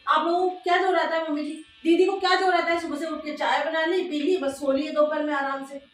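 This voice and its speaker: A woman's voice: high-pitched, level tone, a little fast, lightly acted. A woman playing a proud, complaining younger daughter-in-law with a job in a home family skit. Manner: sharp, complaining. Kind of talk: amateur home drama acting. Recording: very echoey room, distant mic, faint music.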